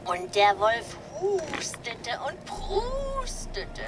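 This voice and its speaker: A woman's voice: high-pitched, wildly swooping pitch, extremely slow, over loud music, full character voice. A woman voicing a prim female robot nanny with a slight robotic filter, telling a fairy tale sweetly in video game dialogue. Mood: doting storytelling. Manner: sing-song, sweetly doting storyteller.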